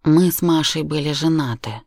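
A woman's voice: sits low, moderate pace, darkish tone, no room sound, clean studio sound. A woman voicing a cornered grown man who speaks tersely and heavily. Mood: grim.

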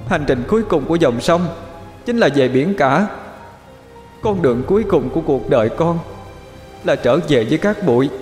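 A male storyteller voicing a young ghost boy who pleads tearfully with his father, in a raised, high-pitched, crying voice. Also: a little mellow, roomy sound, long reverb tail, close to an everyday voice.

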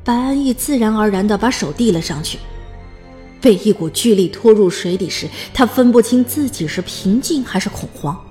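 A woman narrates a scripted audiobook with dramatic phrasing. Her pitch is in the middle female range, and faint music plays behind her. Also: expressive, normal speed, mellow.

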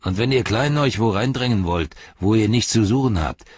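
A man voicing a large brutish human ruffian who mocks and threatens in a husky voice. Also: fairly low pitch, a little fast, darkish tone, no room sound, muffled recording, voice pushed up. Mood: menacing. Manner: menacing, mocking.

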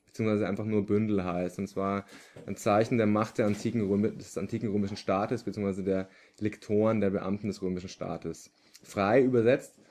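A man from the Upper Palatinate giving a public lecture, pausing often with filler sounds. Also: fairly low pitch, warm tone. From Upper Palatinate, Germany. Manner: hesitant, many filler sounds.

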